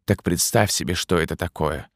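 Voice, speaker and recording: A man voicing a raving, grieving middle-aged recluse mother in an audiobook, slow and bitter. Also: low voice, dry recording, clean studio sound. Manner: slow, bitter and frantic by turns. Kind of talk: audiobook character voice.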